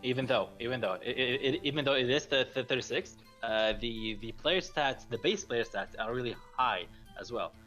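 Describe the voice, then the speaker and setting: A man's voice: mid-range voice, normal speed, hardly any pauses, pushed and bright. Hesitant man on a gaming podcast. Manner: hesitant, many fillers and restarts, laughs easily. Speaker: podcast co-host. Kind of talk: casual gaming podcast chat. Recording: faint music bed behind.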